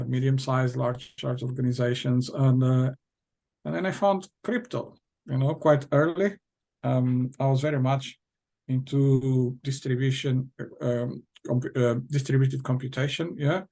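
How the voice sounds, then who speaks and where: Gravelly man with a Portuguese accent. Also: medium pitch, darkish tone. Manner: hesitant, many fillers and restarts, laughs often. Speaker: guest, tech company founder. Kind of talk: casual interview talk.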